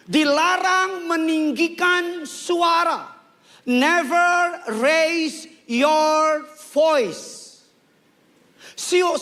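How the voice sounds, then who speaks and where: A male pastor preaching a sermon to a large church congregation, animated and joking, repeating key lines for emphasis. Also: extremely high pitch.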